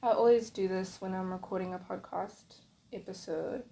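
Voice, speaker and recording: A woman's voice: mid-range voice, fairly even intonation, normal speed, gravelly, mellow. A woman in her twenties chatting casually on her solo podcast, rambling along with lots of fillers while she crochets. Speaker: podcast host.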